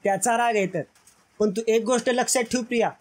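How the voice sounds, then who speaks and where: A man doing a steadfast young wife in a serial recap, firm and insistent. The voice sits high and speaks with calm resolve. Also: a little fast.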